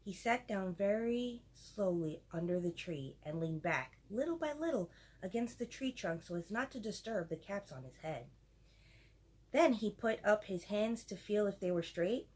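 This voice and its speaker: A woman's voice: mid-range voice, moderate pace, a little mellow, husky. A woman reading a picture book aloud to children and adding chatty asides to her listeners. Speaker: storyteller for children.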